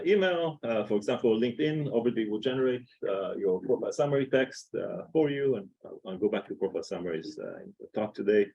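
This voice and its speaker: Israeli guy giving a seminar talk, mellow dark voice, keeps saying uh. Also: mid-range voice, creaky, dull audio. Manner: halting, many filler "uh"s. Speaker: seminar speaker. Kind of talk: academic talk. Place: lecture room.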